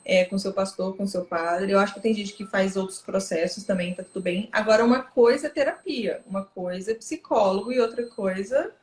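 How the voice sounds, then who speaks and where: A woman psychologist with a Brazilian Portuguese accent, talking in an animated, emphatic casual conversation. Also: medium pitch, fairly quick, hardly any pauses, reverberant.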